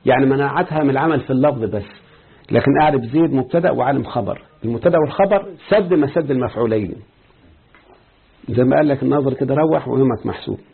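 A man's voice: mid-range voice, racing, gravelly, husky. A man with an Egyptian Arabic accent teaching a grammar lesson, explaining step by step and quizzing his students. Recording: tinny phone-like lo-fi recording.

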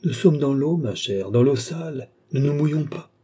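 A man reading an audiobook, voicing a haughty, scornful old baron who blusters loudly. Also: medium pitch, animated, moderate pace, breathy edge, voice pushed up.

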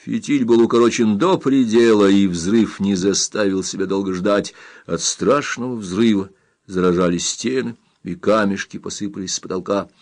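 A man's voice: lowish voice, normal speed, darkish tone. Man narrating an adventure audiobook. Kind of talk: scripted narration.

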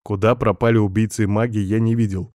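A man's voice: fairly low pitch, quick pace, no echo. Man narrating a story, dry and close. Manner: steady first-person storytelling. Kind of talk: scripted audiobook narration.

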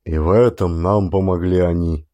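A stern corporal speaks in a firm, commanding tone with a fairly low voice, as a male narrator reads him in an audiobook. The sound is close and dry. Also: fairly even intonation, normal speed, warm tone, no echo, natural voice. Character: steady, stern army corporal. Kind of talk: audiobook character voice.

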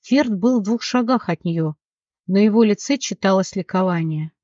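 An audiobook narrator reading a fantasy novel with steady, dramatic storytelling on a dull, dry recording. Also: medium pitch, normal speed, no echo.

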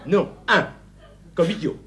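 A man's voice: sits high, takes it slowly, a bit bright, some chatter behind, a little hiss or hum. A man playing an indignant, jealous man in a stage farce, with sputtering, flustered outbursts. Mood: exasperated. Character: indignant, jealous man losing his temper. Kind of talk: filmed stage farce acting. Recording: theatre audience laughter.

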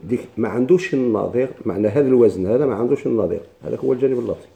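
Male grammar teacher, Moroccan Arabic accent, very dark tone, medium pitch, patient step-by-step explainer. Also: racing, creaky, lo-fi sound. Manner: explains step by step with rhetorical questions and repetition. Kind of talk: classroom grammar lesson.

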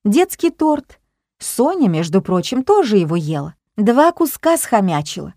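A woman's voice: mid-range voice, sing-song, unhurried, mellow, dry recording, studio quality. A woman voicing a careless, defensive younger sister in a family quarrel, in a storybook reading. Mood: flippant. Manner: defensive, flippant.

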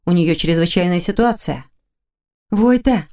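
Female narrator for a mystery audiobook, low-pitched, steady and measured. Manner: even, measured storytelling. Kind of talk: scripted narration.

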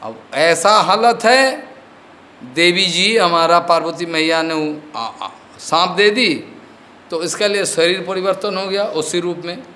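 A man's voice: sits high, animated, slow, pushed and bright. A man giving a devotional discourse as a spiritual teacher, explaining with stories, slipping in English words and often asking whether his listeners have understood.

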